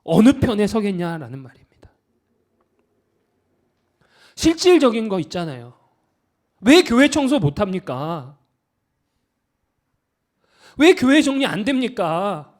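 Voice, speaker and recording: A man preaching a Sunday sermon as pastor, pressing his listeners with rhetorical questions, then turning quiet and choked up as he confesses a personal story. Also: high voice, sing-song, takes it slowly, pauses often. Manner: fervent preaching with rhetorical questions, dropping to soft emotional confession.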